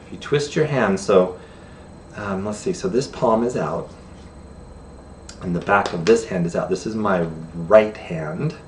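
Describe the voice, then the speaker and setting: A man's voice: deep voice, expressive, measured pace, long pauses. A middle-aged man teaching a friendly beginner sign language lesson to camera, chatty and laughing at himself. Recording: distant camera mic with faint room noise.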